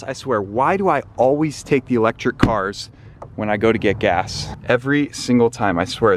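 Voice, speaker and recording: A young man in his twenties talking straight to camera in a casual vlog, excitable and jumping between worry and delight. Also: mid-range voice, background noise. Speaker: car flipping vlogger. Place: outdoor parking lot and inside a small sports car. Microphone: handheld camera at arm's length.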